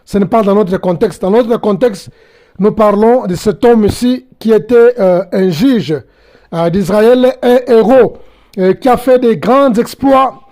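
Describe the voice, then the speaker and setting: Hesitant high-voiced male preacher, mellow tone. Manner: hesitant, many pauses and repetitions; explains slowly, repeating key phrases. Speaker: Bible teacher. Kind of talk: sermon teaching.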